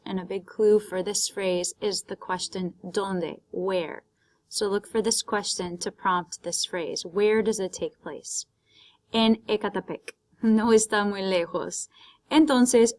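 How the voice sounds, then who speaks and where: Slow, patient bilingual teacher woman. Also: mid-range voice. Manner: explains words slowly and patiently, switching between Spanish and English. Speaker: Spanish teacher. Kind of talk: vocabulary lesson, bilingual.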